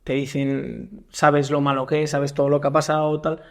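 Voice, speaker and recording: A young man from Spain hosts a casual podcast interview, his voice gravelly and rough at the edges. He asks his questions haltingly, repeating words as he feels his way forward. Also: on the high side, flat delivery. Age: young adult. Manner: hesitant, repeats words while asking questions. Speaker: podcast host.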